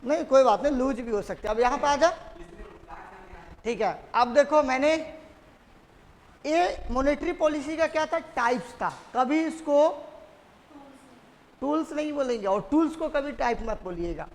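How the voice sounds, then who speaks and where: A male teacher with a very high-pitched voice lectures a little slowly, leaving long pauses. He repeatedly questions his students and has them say the key terms back. Long reverb fills the classroom.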